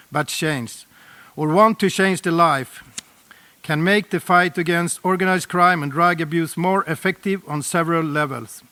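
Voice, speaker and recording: A middle-aged man from Sweden with a Swedish accent, giving an earnest, deliberate prepared address at a roundtable, with small slips in his English. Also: a little high, bright, forceful tone. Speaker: speaker at a UN roundtable.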